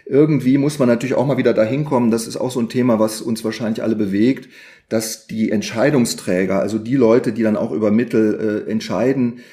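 A man from the Rhineland, speaking as an interview guest in a relaxed, chatty way with many filler sounds. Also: fairly low pitch. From Rhineland, Germany. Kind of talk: conversational interview answer.

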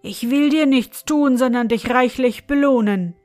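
A woman's voice: measured pace, darkish tone, faint music behind. Woman voicing a haughty giant spirit. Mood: coaxing. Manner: booming and haughty, later pleading. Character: huge proud male spirit trapped in bottle.

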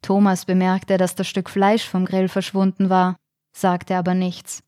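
A woman's voice: lowish voice, monotone, a little slow, warm tone, no room sound. Woman narrating a suspense story, dry. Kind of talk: scripted audiobook narration.

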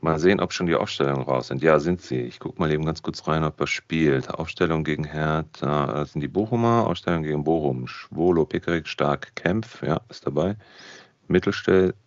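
A man's voice: extremely low pitch, no echo. A man hosting a casual podcast chat, chatty and jokey, thinking aloud as he goes. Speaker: podcast host. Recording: dull lo-fi sound.

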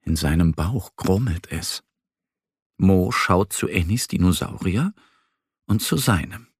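A man gently and expressively reading a children's story aloud. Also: low voice, expressive, takes it slowly, slightly rough, dry recording, studio quality. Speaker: narrator.

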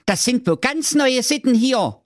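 Man putting on a grumpy old fairy-tale brother, squeaky high, scolding, dry audio-book sound. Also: lively intonation, measured pace, no room sound. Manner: cranky, scolding outbursts.

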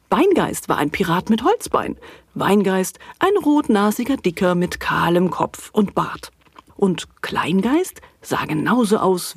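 A woman narrating a children's audio story in a playful, animated way. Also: mid-range voice, husky, no echo, clean studio sound.

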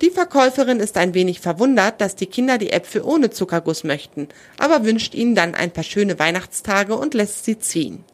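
A woman reading a children's story aloud in a calm manner, sometimes pausing to explain things to young listeners. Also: medium pitch.

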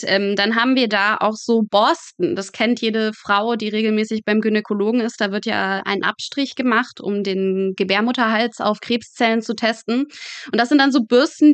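A fairly high-pitched female voice, recorded without echo, belongs to a medical student in her twenties who works in pathology. As an interview guest, she shares anecdotes that are amusing, vivid and conversational.

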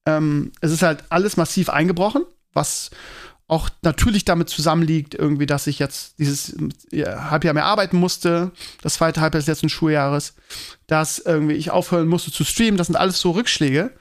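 Chatty, higher-voiced German-speaking man rambling. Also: moderate pace. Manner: rambling, many fillers and "ne?" tags. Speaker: podcast host and teacher. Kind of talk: casual monologue to listeners.

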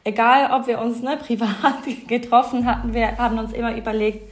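A woman's voice: fairly high pitch, steady tone, brisk. A woman in her thirties from Switzerland with a Swiss accent, a company co-founder chatting as a podcast guest with many fillers and frequent laughs. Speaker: fashion label co-founder, guest. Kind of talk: casual podcast interview.

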